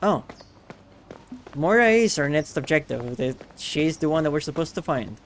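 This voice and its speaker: A man's voice: on the high side, animated, normal speed, a little hiss or hum. A man streaming a game, chatting casually in a hesitant way with frequent stammers. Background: game music.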